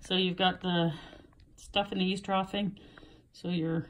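A woman's voice: fairly low pitch, flat delivery, a little slow, a little hiss or hum. A real estate agent walking through a large house, chatting as she points out rooms and getting a little out of breath. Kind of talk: walking house tour narration.

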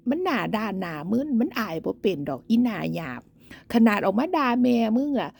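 A woman's voice: fairly high pitch, sing-song, a little fast, creaky, a little mellow, slight background noise. A woman with an Isan accent ranting in a livestream, mocking and cursing heavily. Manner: breaks into cackling laughs. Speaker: online commentator.

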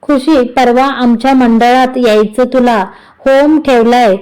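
A woman's voice: fairly high pitch, steady tone, unhurried, darkish tone, smooth, lightly acted, rough recording. A woman voicing a stern older woman of the household who scolds and gives orders, in a Marathi storybook reading. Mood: bossy. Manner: scolding, bossy.

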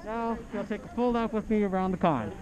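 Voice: medium pitch, expressive, a little fast, heavy background noise. A convention staff member, muffled inside a mascot head, handing out joke violations in upbeat, teasing banter. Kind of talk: playful casual banter. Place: busy fan convention. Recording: dull lo-fi audio with loud crowd.

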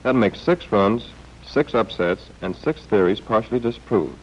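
With a fairly low, slightly rough voice, lively intonation and a measured pace, an American man gives wry, understated narration for a scripted 1940s training film. The voice-over is heard on a dull, band-limited old film soundtrack.

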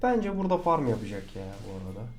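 A man giving live gameplay commentary, excitable, swearing and shouting at teammates. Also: mid-range voice, fast talker. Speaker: gaming channel host.

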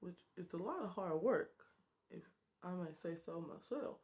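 In a small bedroom, close to her webcam, a woman in her thirties chats and jokes through a casual makeup tutorial as a beauty vlogger. Her lowish, darkish voice is animated and moves at normal speed.

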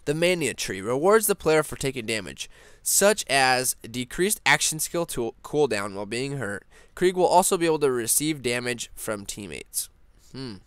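A young man hosting a casual gaming news vlog, rambling excitedly with lots of fillers and restarts. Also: medium pitch, moderate pace, smooth, no echo. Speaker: gaming channel host.

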